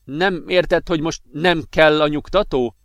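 A frantic young man with a raised, strained voice, pressing his point without pause, as a male audiobook reader puts him on. The sound is dry and close, with no room around it. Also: fairly high pitch, no room sound. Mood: urgent, insistent. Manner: excited, insistent, increasingly furious. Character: agitated straw-haired young man, volatile.

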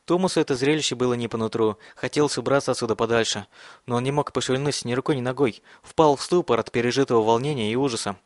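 A man reads an audiobook in a measured, dramatic way. His voice sits at a middle pitch for a man. The recording is dry and close, with no room sound. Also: dry recording. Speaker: narrator. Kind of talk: audiobook reading.

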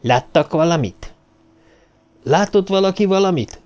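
A man's voice: fairly high pitch, a little mellow, pitched above the performer's own voice, close to an everyday voice. A man voicing a frantic adult man leading a search at night, urgent and commanding.

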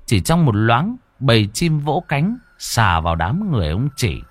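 A man's voice: medium pitch, very animated, a little slow. A man narrating a ghost story with a dramatic delivery.

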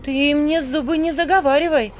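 A woman voicing a fierce young witch who speaks loud, sharp and commanding in a spoken story. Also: high voice, fairly even intonation, normal speed, a little hiss or hum, pitched above the performer's own voice, close to an everyday voice. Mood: warning.

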